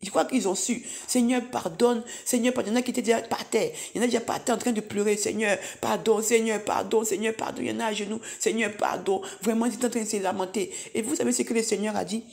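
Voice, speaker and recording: A woman with a somewhat high voice recounts a vision as a church testimony. She tells it in an animated, repetitive way, turning often to address her listeners as beloved. She sounds middle-aged and speaks as a preacher in her own ministry. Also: quick pace, vocal fry, few pauses. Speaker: prophetess giving testimony. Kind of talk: spoken testimony.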